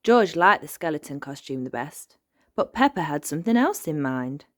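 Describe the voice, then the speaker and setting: A woman hosting a channel, reading a children's storybook aloud in a gentle, clear, expressive way. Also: low voice, normal speed.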